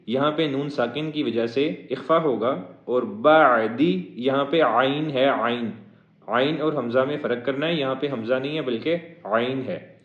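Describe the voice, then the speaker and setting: A man teaching a Quran recitation lesson, moving between slow melodic chanting of verses and brisk spoken explanation of pronunciation rules. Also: medium pitch. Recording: echoey, dull lo-fi audio.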